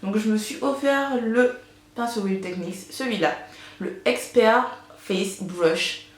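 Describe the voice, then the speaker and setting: A woman's voice: mid-range voice, slow pace. A woman presenting a casual beauty haul, chatty and enthusiastic, with many fillers, recorded on a camera mic at home. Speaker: beauty vlogger. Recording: echoey room.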